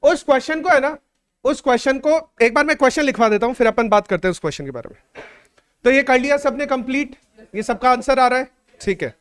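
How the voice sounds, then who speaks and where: A male teacher giving a classroom lecture in a conversational way, repeating phrases, checking in with students, and dictating numbers slowly. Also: extremely high pitch, animated, fairly bright tone, clean tone.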